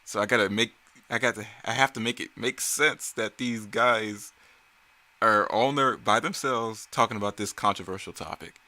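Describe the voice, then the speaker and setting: A man with a lowish voice, bright and forceful in tone, speaks at a normal speed. He is the creator of a motion comic series, offering casual, off-the-cuff commentary on it that rambles and corrects itself as he goes.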